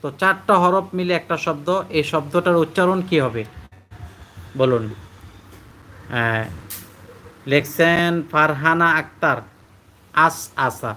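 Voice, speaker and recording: A man teaches a live online Quran reading class in a fairly high, bright voice. He repeats letters and syllables slowly and patiently, reading out his students' answers as he goes. A faint hum sits behind him. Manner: reads out students' answers and praises them.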